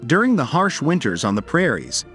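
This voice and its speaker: Lively-pitched man narrating a nature documentary. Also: normal speed. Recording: background music under voice. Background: music.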